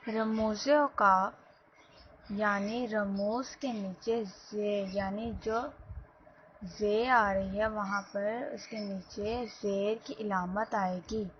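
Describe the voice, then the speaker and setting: A woman teacher giving a slow, explanatory lesson and speaking directly to her students. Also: medium pitch, fairly even intonation. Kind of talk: classroom lesson. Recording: dull lo-fi sound, faint background noise.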